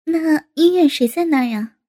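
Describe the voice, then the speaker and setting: A woman voicing a playful, bold young woman in a storybook reading, teasing and scolding in a very high voice. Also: moderate pace, dark tone, lightly acted.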